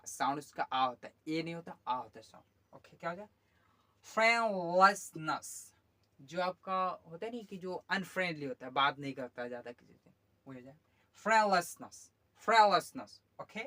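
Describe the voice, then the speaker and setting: A man teaching English pronunciation. He spells each word letter by letter, repeats it slowly and stretched, and explains patiently with many okays. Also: a little high, a bit bright. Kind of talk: pronunciation lesson.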